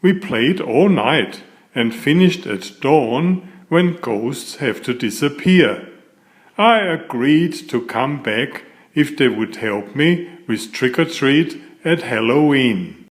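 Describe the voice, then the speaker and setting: In a mid-range voice, a male author narrates his own picture book for children, taking his time and giving the tale plenty of expression.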